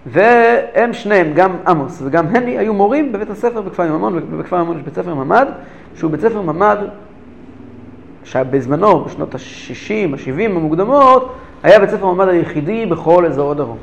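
A man teaching a religious lesson who tells stories with animated, repeated phrases for emphasis. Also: high-pitched, gravelly, dull audio. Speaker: rabbi teacher. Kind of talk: lesson storytelling.

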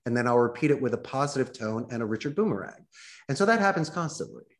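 Male guest, mid-range voice, animated teacher who role-plays phone calls while he explains. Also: mid-range voice, fast talker. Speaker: guest, call center owner. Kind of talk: podcast interview.

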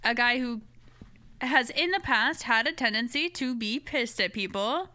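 Bright, smooth-voiced woman co-host. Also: on the high side, lively intonation. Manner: laughs often, quick agreeing interjections, swearing. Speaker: podcast co-host. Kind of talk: casual chat.

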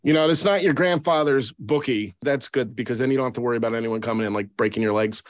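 Male co-host, wry and joking, close dry mic, relaxed chat. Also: mid-range voice, quick pace, no room sound. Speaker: podcast co-host. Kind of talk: casual podcast chat and ad read.

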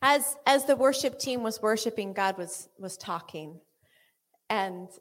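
A woman preaching a charismatic sermon to a room, animated and playful, acting out quoted voices, then dropping low and intense. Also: measured pace, long reverb tail. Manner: animated, acts out quotes of God and the congregation. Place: church meeting room.

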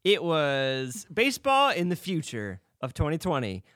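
A man's voice: a little high, wildly swooping pitch, a little slow, a bit bright, dry recording, studio quality. A young man co-hosting a casual podcast chat, joking and teasing his partner. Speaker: podcast co-host.

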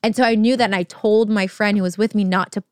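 A young woman co-hosting a podcast, an actor telling animated stories in casual chat, full of "like". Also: mid-range voice, fast, smooth, dry recording, clean studio sound. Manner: animated storytelling, heavy use of "like". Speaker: podcast co-host.

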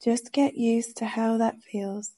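A woman leading a guided meditation with gentle, soothing, unhurried instructions. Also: fairly high pitch.

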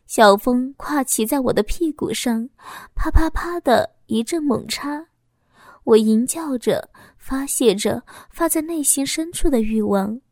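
A woman narrating a first-person audio story in a soft, intimate reading voice, sometimes dropping to a whisper. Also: high voice, animated, measured pace, no room sound, studio quality.

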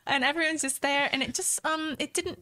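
A woman's voice: sits high, fairly even intonation, a little fast, sharp tone. A woman co-hosting a gaming podcast, talking casually and laughing often as she acts out quotes. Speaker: podcast co-host.

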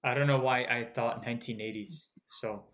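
A man's voice: medium pitch, fairly even intonation, normal speed, a bit bright. A man co-hosting a book podcast, talking hesitantly and restarting his sentences. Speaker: podcast co-host. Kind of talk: casual book discussion.

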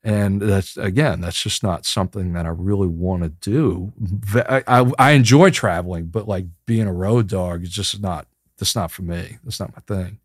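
A man with a low voice answers in a casual interview. He speaks in a reflective, colloquial, slightly rambling way, recorded dry. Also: normal speed, hardly any pauses, husky, no echo. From New Orleans, USA. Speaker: interview guest, musician.

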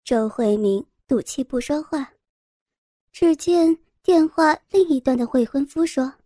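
A woman reading a scripted story as narrator, in a steady, even manner. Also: sits high, a little slow, dry recording, studio quality. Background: faint music.

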